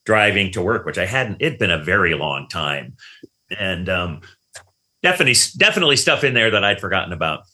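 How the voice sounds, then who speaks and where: An animated man swaps stories on a podcast over a video call, laughing easily. His pitch swings widely, and his tone is very sharp and bright. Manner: animated storyteller, quick to laugh. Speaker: podcast guest, comic performer. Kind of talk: casual chat on a video call.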